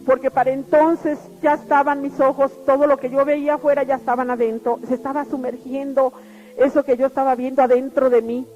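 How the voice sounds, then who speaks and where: A woman gives an earnest spoken testimony in a high voice. She talks haltingly, restarting and repeating words. The recording is muffled, with soft music underneath. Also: flat delivery. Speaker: witness giving a testimony.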